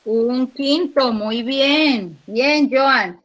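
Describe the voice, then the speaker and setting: A woman teaching a primary school math class over a video call, patient and encouraging, counting aloud slowly. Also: sits high, fairly bright tone, dull audio. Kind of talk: online class. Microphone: computer mic on a video call.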